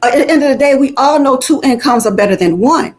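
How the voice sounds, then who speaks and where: A woman's voice: high-pitched, expressive, fast. An older woman speaking bluntly and emphatically in an opinionated group discussion, sounding exasperated. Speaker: panel speaker.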